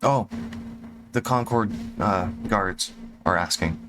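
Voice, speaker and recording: A man's voice: fairly low pitch, slow, over music. A man voicing an armored female guard who speaks bluntly and dryly.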